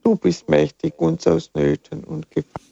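A man's voice: on the high side, little pitch movement, normal speed, gravelly, mellow, slightly rough. An older man calling in and earnestly reciting a prayer, heard through a lo-fi headset or phone line. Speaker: caller.

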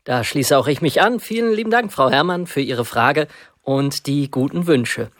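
Lively, polite radio host. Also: male voice, fairly high pitch, moderate pace, no room sound, studio quality. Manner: polite, formal. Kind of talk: radio moderation.

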